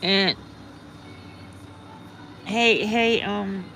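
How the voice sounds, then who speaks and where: A woman's voice: medium pitch, steady tone, very slow, creaky, pushed and bright, a little hiss or hum. A woman hosting a livestream with a groggy morning voice, rambling casually and greeting her viewers. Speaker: livestream host.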